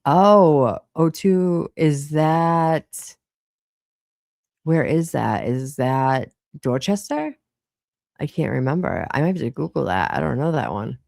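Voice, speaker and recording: A woman's voice: low voice, very animated, slow, creaky, darkish tone, no echo, clean studio sound. A woman in her thirties from Boston with a Boston accent, hosting a casual late-night live chat and talking bluntly with plenty of swearing. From Boston, Massachusetts. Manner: chatty, blunt, swears freely. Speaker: livestream host.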